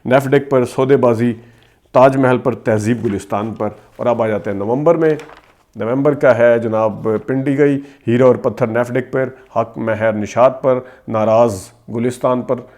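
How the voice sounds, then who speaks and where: A man hosting a rapid film-history commentary, reeling off movie titles fast and adding quick asides. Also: medium pitch, fairly even intonation, darkish tone. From Pakistan. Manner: reels off titles quickly, stressing names, with asides. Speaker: host.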